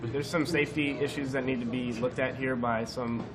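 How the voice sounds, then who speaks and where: A man's voice: mid-range voice, steady tone, moderate pace. A man speedrunning a game with a partner and chatting through it in a loose, rambling way. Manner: casual, rambling with fillers and restarts. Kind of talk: live co-op speedrun commentary. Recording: live event with crowd behind.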